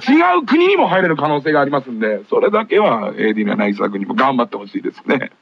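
A man's voice: medium pitch, wildly swooping pitch, fast talker, vocal fry, fairly bright tone, slightly rough. A man hosting a late-night radio show, telling rambling comic stories with frequent laughs, taped off the air in lo-fi. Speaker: radio host. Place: radio studio.

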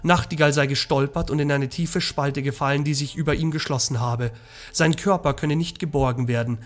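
A man reading a story aloud in an expressive, dramatic way during a game playthrough. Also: a little high, a little fast, faint music behind. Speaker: let's play narrator.

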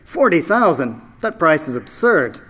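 A man's voice: a little high, big pitch swings, unhurried, a bit bright, slightly rough, heavily acted. A man reading aloud, voicing an earnest young male adventurer who pleads and protests.

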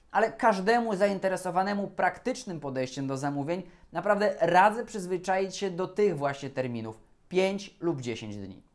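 A man, a lawyer, giving a scripted educational talk on procurement law in a formal, measured and deliberate way. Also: high-pitched.

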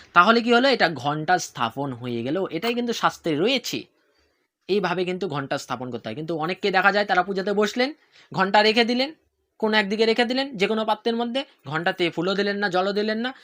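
Bright-voiced devotional teacher, rhetorical questions. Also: medium pitch. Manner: asks rhetorical questions and answers them; repeats key points. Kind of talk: instructional talk on worship ritual.

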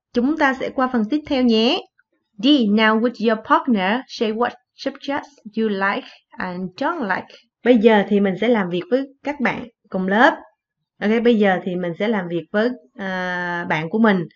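A woman's voice: a little high, fairly bright tone. A woman teaching an English lesson, reading phrases and repeating them in translation. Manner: explains slowly, repeats in translation. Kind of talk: bilingual classroom lesson. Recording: dull lo-fi recording.

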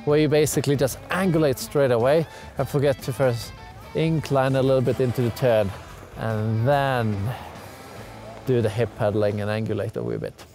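Medium in pitch, animated, creaky, and mellow, this young ski instructor talks at a normal speed. He's outdoors on a mountain giving a casual lesson to camera, and music plays in the background.

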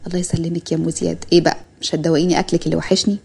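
A woman playing a gentle young man in an Egyptian Arabic accent, soothing his family with soft, tender words. The voice is mellow and husky and runs along quickly in a storybook tale. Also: lowish voice, little pitch movement. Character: gentle, successful young man, loving brother and son.

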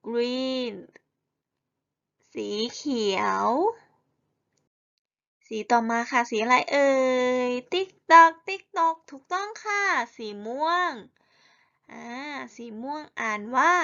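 A woman teacher leading young children through a lesson in slow call-and-response. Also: high voice, vocal fry, sharp tone, dull audio.

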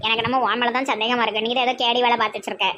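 A woman voicing a suspicious, bossy village woman who scolds in a lowered voice, with a Tirunelveli Tamil accent. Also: level tone, rapid-fire, bright, forceful tone, dull audio, a little hiss or hum. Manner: low scolding.

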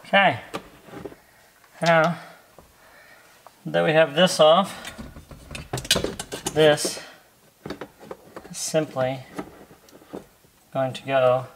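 A middle-aged American man hosts a car accessory install video, giving an easygoing hands-on tutorial while he works inside a parked car. His voice is fairly high and very slow with frequent pauses, and faint background noise and clicks can be heard.

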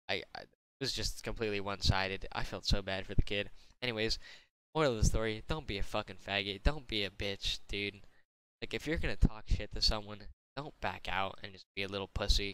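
A man's voice: on the low side, pushed and bright, clean tone, no room sound. A teenage man telling a storytime vlog, crude and slangy, swearing constantly and boasting. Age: teens. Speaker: gaming YouTuber.

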